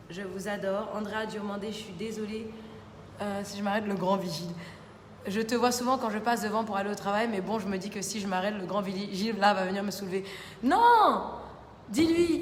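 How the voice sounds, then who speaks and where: A young adult woman, a TV columnist hosting a casual live Q&A, chatting informally and often filling with repeated little interjections. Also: medium pitch. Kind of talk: casual live Q&A reading viewer comments. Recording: roomy studio reverb, faint background noise.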